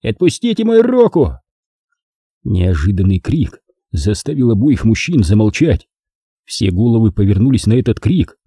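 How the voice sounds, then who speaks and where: A man's voice: lowish voice, moderate pace, husky, no echo, clean studio sound. A man reading a detective novel aloud in the first person, telling it expressively. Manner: expressive storytelling. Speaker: audiobook reader.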